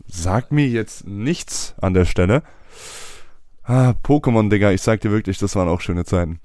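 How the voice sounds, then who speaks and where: A man's voice: lowish voice, normal speed, darkish tone, no echo, clean studio sound. A young man in his twenties co-hosting a podcast in casual, slangy, rambling chat, laughing often. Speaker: podcast co-host.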